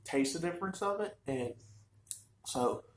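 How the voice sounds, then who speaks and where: A man's voice: fairly high pitch, animated, unhurried, reverberant. A man talking casually and rambling with lots of fillers as he reviews a wine in his own vlog. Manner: rambling, chatty, frequent fillers. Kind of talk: casual chat.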